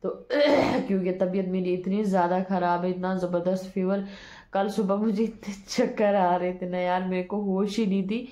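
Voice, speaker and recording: Young female vlogger, hoarse and feverish, tired and rambling, recorded on a phone in an echoey room. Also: medium pitch, fairly even intonation, moderate pace, mellow. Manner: weary, sleepy, rambling. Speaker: vlogger and street cart vendor. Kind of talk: casual vlog talk to camera. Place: small room at home, indoors. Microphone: phone held by hand.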